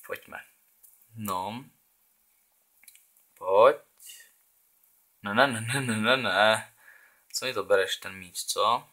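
Young male gaming host, casual chatty football commentary, low and bright. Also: long pauses. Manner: chatty, thinks aloud, urges on his players.

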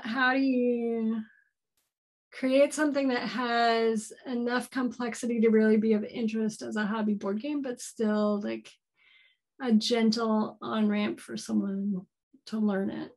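Speaking at a measured pace in a slightly high, steady voice, a board game designer in her thirties answers live questions as a keynote speaker. She joins the video call from her home office using the webcam mic, hedging thoughtfully and frequently starting her sentences over.

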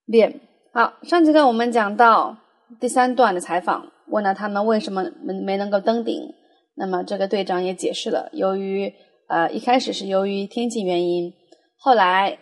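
A young adult woman teaching a language lesson, explaining patiently and reading foreign phrases aloud with frequent fillers. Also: medium pitch. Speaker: Spanish teacher.

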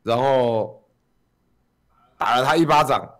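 A man's voice: mid-range voice, slow pace, a bit bright. A male streamer laughing through a playful, improvised story relay with friends.

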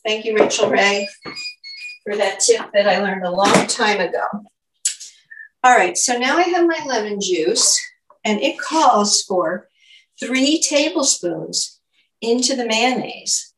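A woman's voice: medium pitch, expressive, takes it slowly, a bit bright, slight background noise. An older woman hosting a casual home cooking demonstration, explaining each step aloud as she works. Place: home kitchen, indoors. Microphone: camera mic at a distance. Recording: echoey kitchen, distant mic.

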